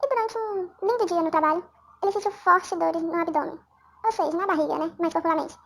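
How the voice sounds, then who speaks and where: A man narrating a story in a jokey, chatty way, his voice sped up and pitched into a chipmunk voice. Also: quick pace, gravelly, fairly bright tone, heavily acted. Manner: jokey, chatty, self-mocking.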